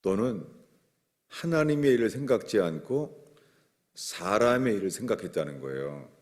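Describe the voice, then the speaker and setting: A male preacher with a low voice and lively, swooping intonation, delivering a sermon. He explains scripture verse by verse and acts out the lines he quotes. A long reverb trails each phrase, as if recorded in a large hall. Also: normal speed.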